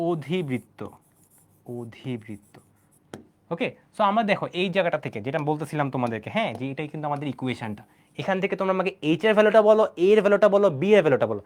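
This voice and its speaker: A young man teaching math in an online lecture, chatty and asking his students questions as he goes. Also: a little high. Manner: chatty, talks straight to students, asks them questions. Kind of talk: online exam-prep lecture.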